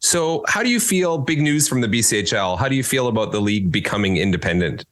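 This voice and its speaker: A man hosting a podcast interview, asking questions in an upbeat, lively way. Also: fairly low pitch, quick pace, slight background noise. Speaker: podcast host.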